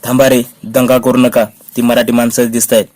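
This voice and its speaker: A man's voice: medium pitch, little pitch movement, brisk, a little mellow, no room sound, lightly acted. A man reading the urgent, reassuring commands of a tough cavalry officer, in a level voice. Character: tough male cavalry officer, calm under pressure.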